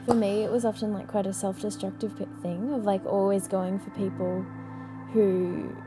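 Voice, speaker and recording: A woman's voice: medium pitch, little pitch movement, normal speed. A young woman casually recounting a personal story to her partner, hesitant, with lots of fillers and restarts. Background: soft background music.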